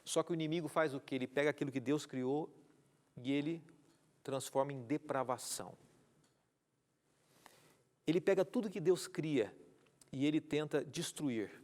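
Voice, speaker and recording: A man's voice: fairly high pitch, moderate pace, long pauses, a little mellow. A man with a Brazilian Portuguese accent, a pastor teaching a Bible study on a TV program, earnest and repeating key words, asking rhetorical questions and reading out viewer messages. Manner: reads out viewer messages with greetings. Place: TV studio.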